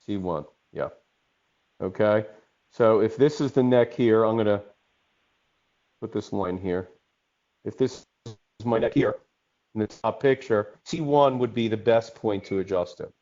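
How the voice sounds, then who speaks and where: A man's voice: fairly low pitch, unhurried, pauses often, mellow. A man teaching an online webinar in a conversational way, often checking in with "okay?". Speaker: instructor. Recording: dull lo-fi webinar audio.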